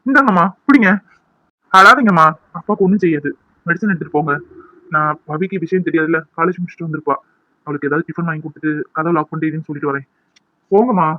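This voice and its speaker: A man's voice: fairly high pitch, fast, no room sound, highs cut off, close to an everyday voice. Man voicing an anxious devoted son. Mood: reassuring. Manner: pleading, reassuring his mother. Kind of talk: cartoon voice acting.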